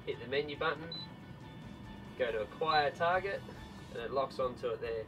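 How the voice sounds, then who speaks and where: A matter-of-fact Australian man in his thirties explains gear at an everyday pitch. He sits a little back from the mic, and music plays clearly behind him. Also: normal speed. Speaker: product representative. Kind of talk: casual technical explanation. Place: open deck of a boat on a bay, outdoors. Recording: slightly distant from mic, music underneath.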